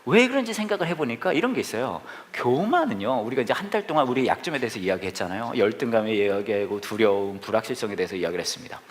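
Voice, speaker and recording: A man's voice: mid-range voice, animated, very fast, hardly any pauses. A male pastor preaching a sermon to a live congregation, telling jokey, self-deprecating stories. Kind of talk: humorous storytelling sermon. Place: church service with live congregation.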